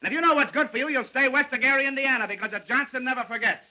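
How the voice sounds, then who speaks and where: A man's voice: very high voice, rapid-fire, noisy background. An actor playing a brash, cocky newspaperman in slangy, wisecracking 1930s screwball comedy banter, on an old film soundtrack. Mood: mocking, scornful. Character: brash, cocky newspaperman, quick-witted and scornful. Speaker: newspaper reporter.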